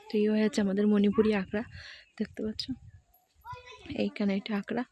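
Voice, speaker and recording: A woman narrating a casual village vlog on a handheld phone as she walks along paths and fields, tired from walking and keeping her voice low. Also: monotone, brisk. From India. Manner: speaks softly while passing neighbours' yards. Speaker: village lifestyle vlogger. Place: outdoors on village paths and fields, then at home. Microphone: handheld phone camera.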